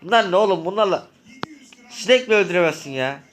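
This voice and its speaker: A man's voice: sits high, lively intonation, fast, a bit bright, faint music behind, pitched above the performer's own voice. A man voicing a touchy, hot-headed young man in a Minecraft role-play, indignant and argumentative. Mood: exasperated.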